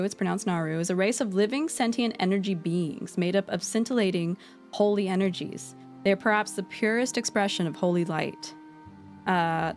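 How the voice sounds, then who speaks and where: A woman streaming an unscripted lesson on game lore, rambling and correcting herself, with playful asides. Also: lowish voice.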